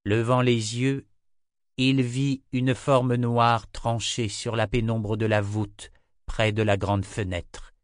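A man reading a fantasy novel aloud in measured, scripted narration. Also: medium pitch, level tone, dry recording, clean studio sound. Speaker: audiobook narrator.

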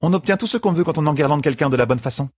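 A man voicing a poised, teasing young queen in an audiobook, with a husky tone and composed delivery. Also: on the high side, expressive, very fast, no echo, studio quality, voice pushed up. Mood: wry. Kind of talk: audiobook character voice.

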